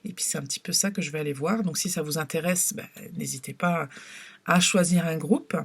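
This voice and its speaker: Woman, tarot reader, breathy husky voice, soft hesitant delivery, many fillers. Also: low-pitched, fairly quick. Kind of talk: casual tarot reading to camera.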